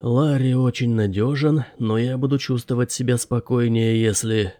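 A man's voice: medium pitch, fairly even intonation, normal speed, dark tone, no echo, studio quality, lightly acted. A man voicing an elderly, timid male professor in an audiobook, murmuring and hesitant. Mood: worried. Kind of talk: audiobook character voice.

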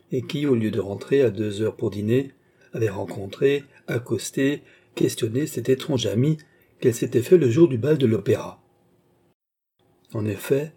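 A man narrating a classic novel as an audiobook in a measured, steady reading. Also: mid-range voice, husky.

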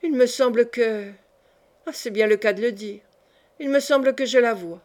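Slow fumbling old shopkeeper read by a woman, kindly, audiobook figure, softly spoken. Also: fairly high pitch, natural voice. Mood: fond.

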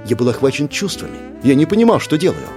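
A man's voice: medium pitch, sing-song, fast, darkish tone, faint music behind, lightly acted. A man voicing an earnest, anxious young prince who pleads and confesses. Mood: pleading.

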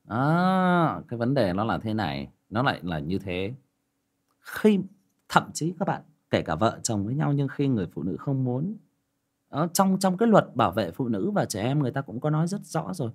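A man telling a personal story in a casual monologue, acting out the dialogue. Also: a little fast. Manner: lively, acts out quoted dialogue with pitch jumps. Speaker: storyteller giving relationship advice.

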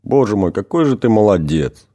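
A man's voice: low voice, lively intonation, moderate pace, a little mellow. A man voicing an emotional young woman, a bride, tearful and gushing, in an audiobook reading.

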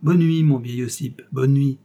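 A man voicing a stern, commanding general in an audiobook, barking orders loudly and emphatically. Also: medium pitch, steady tone, unhurried, highs cut off. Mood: triumphant. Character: stern commanding male general, gruff and mocking. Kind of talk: audiobook character voice.

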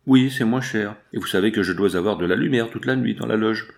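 A man reading an audiobook voices a young widowed mother, answering softly but firmly. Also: fairly low pitch, brisk, vocal fry. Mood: calm. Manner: soft, restrained replies.

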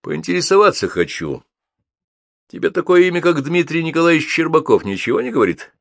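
A man voicing a seasoned police colonel who speaks calmly and firmly with a dry irony. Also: a little high, a little fast, gravelly, no echo, voice pushed up, full character voice. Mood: composed. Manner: calm, firm, dryly ironic. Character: seasoned police colonel, calm, dryly ironic.

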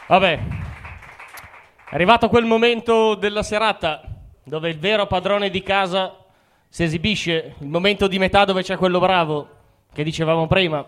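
A man's voice: high voice, a bit bright, clean tone. A man hosting a comedy show on stage, introducing acts in an upbeat tone.

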